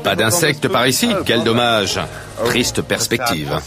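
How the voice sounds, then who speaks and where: An actor voicing a dry, understated, reluctant travelling chef in a dubbed documentary, speaking casually. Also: male voice, medium pitch, very animated, a little slow, over music. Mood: dry, resigned.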